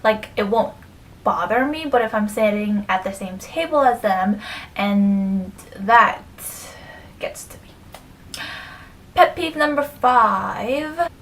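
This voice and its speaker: A woman's voice: on the high side, lively intonation, slow, a bit bright, far from the mic, a little hiss or hum, low-quality recording. A young woman talking casually to camera about her pet peeves, full of fillers, sometimes dropping to a near whisper. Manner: chatty, many fillers, drops to near whisper. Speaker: vlogger.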